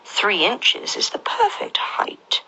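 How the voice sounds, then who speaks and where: A woman voicing an aloof, pipe-smoking caterpillar in a slow, sleepy and drawling voice for a storybook reading. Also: bright, forceful tone, poor audio. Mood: drowsy.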